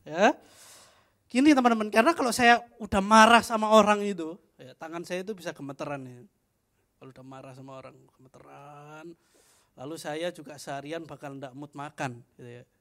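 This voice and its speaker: High-voiced joking young preacher. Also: male voice, fairly quick, a bit bright. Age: young adult. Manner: chatty, joking, frequent tag "ya". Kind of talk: youth fellowship sermon, casual storytelling.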